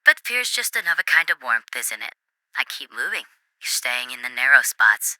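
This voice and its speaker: A woman playing an eerily serene wall-dwelling caller in an ASMR role-play, with a nervous, hushed, confessional manner on a comedy radio show. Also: extremely low pitch, big pitch swings, normal speed, no echo, full character voice, rough recording. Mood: uneasy, hushed. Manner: nervous, hushed soft-spoken like a late-night confession. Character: creepy, serene woman living inside house walls.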